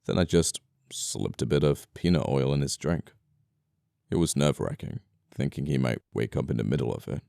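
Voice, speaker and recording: A gentleman killer, voiced by an actor whose tone is very deep and gravelly, menaces his captive with leisurely, wry courtesy, amoral yet apologetic and flirtatious. It's an audio roleplay recorded close on the mic, dark and dry with no room sound. The voice is expressive and exaggerated, and he sounds smugly confiding.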